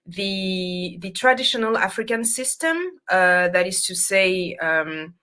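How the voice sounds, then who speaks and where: A woman's voice: mid-range voice, slow pace, pushed and bright, clear, resonant tone. A woman from France with a French accent, a native French speaker, a podcast guest who speaks hesitantly in English and searches for words. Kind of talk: interview.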